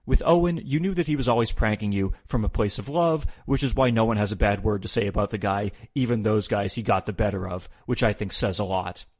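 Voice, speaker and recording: A man's voice: on the low side, a little fast, hardly any pauses, darkish tone, dry recording. A man hosting a podcast, reading a wry, opinionated recap with the odd swear. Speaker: podcast host. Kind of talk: scripted recap narration.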